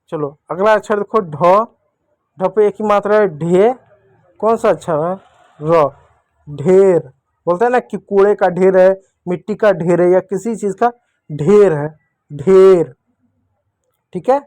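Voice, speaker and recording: A man's voice: high voice, a little mellow, no echo. A man teaching young children to read, patiently sounding out syllables and asking them to repeat. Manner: patient, repeats syllables slowly and asks questions back. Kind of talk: children's Hindi reading lesson.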